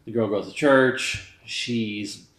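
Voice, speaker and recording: A man's voice: lowish voice, steady tone, slow, a bit bright, slight background noise. A man reviewing a movie in casual banter, talking in a loose, rambling, tipsy way. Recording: roomy, echoey sound.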